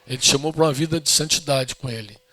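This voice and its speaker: A man's voice: a little high, fast, bright, forceful tone, dry recording. A middle-aged man with a Brazilian Portuguese accent preaching a sermon in an earnest, storytelling way, often asking the congregation to say amen.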